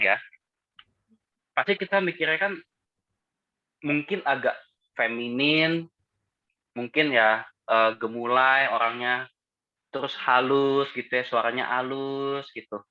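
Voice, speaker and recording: Man leading a casual Bible study. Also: medium pitch. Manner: conversational, asks the group questions. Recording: dull lo-fi audio.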